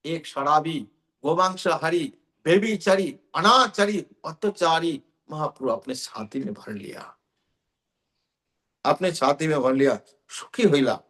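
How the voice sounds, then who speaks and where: High-voiced, slow-speaking swami chanting verses. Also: male voice, fairly bright tone. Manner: chants verses then explains them in a slow, emphatic way. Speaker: swami giving scripture class. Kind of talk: sermon reciting and explaining verses.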